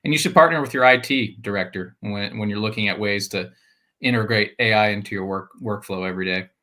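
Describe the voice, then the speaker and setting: A man's voice: on the low side, a little fast, sharp tone. A man co-hosting a live workplace talk show, chatty and teasing, with frequent laughs. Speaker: podcast co-host. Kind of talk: casual live show chat.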